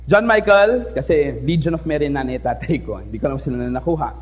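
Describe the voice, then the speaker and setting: A man's voice: a little high, fast talker. A young man from the Philippines telling a personal story to a live audience on stage, playful and talkative, often asking the crowd questions. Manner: lively, playful, switches between languages, asks the audience questions. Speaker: teacher giving a talk. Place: stage in an event hall.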